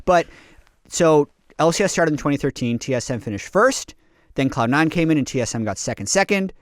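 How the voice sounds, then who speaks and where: A man's voice: a little high, lively intonation, brisk, no room sound, studio quality. A man hosting a podcast, chatting casually and upbeat with a guest. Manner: upbeat, conversational, reads out lists. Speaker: podcast host.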